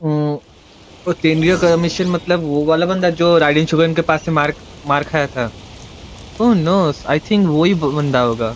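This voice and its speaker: Racing along in a slightly high voice, a game streamer with an Indian accent offers playful live gameplay commentary in a blend of Hindi and English, frequently repeating himself. Game music runs in the background amid slight noise.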